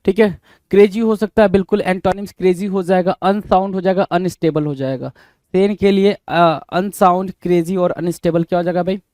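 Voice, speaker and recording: A man's voice: high voice, fairly even intonation, a little fast, a little mellow, no echo. A man with an Indian accent teaching English vocabulary for exams, mixing Hindi and English and often asking the class questions. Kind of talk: exam-prep vocabulary lesson.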